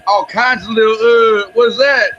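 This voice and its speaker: A man with a high, bright voice and an East Coast-sounding accent, though he comes from the Midwest. He chats in an easygoing way, repeating himself as he goes. The sound is muffled and lo-fi. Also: steady tone, normal speed, slight background noise. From Midwest US, Minnesota. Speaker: guest caller. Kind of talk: casual chat on a live stream.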